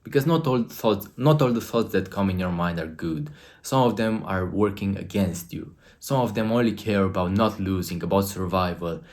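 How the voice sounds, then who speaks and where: In a motivational, lecturing manner, a man coaches his viewers directly to camera, earnest and emphatic. He has a Romanian accent and a very deep, low, darkish voice, speaking at normal speed.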